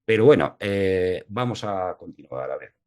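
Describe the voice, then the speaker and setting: A man's voice: low voice, very animated, a little slow, a little mellow. A man from La Mancha giving an online lecture, hesitant with many fillers, over a video call. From La Mancha, Spain. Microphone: video call mic.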